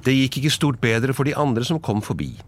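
A man reading a classic story aloud as narrator, telling it in an expressive storybook way. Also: medium pitch.

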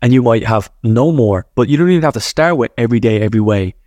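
A man's voice: mid-range voice, quick pace, dry recording. Man chanting affirmations, dry sound. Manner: energetic, rhythmic chanting of affirmations. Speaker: podcast host. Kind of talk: motivational breathing guidance. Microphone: podcast microphone.

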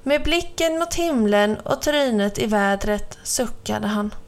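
A woman reading children's stories aloud in a gentle, lilting storytelling manner. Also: medium pitch, animated.

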